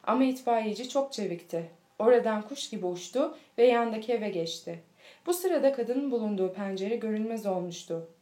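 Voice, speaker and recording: A woman reading a children's storybook aloud in a steady, clear manner. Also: mid-range voice. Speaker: audiobook reader. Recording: echoey room.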